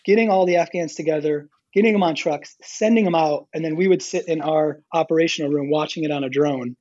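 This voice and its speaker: A man's voice: a little high, fairly quick, darkish tone, no echo, muffled recording. A middle-aged American man answering in an interview, telling stories informally and acting out bits of dialogue. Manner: informal, anecdotal, quotes dialogue. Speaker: guest, pastor. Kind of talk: conversational interview answers, storytelling.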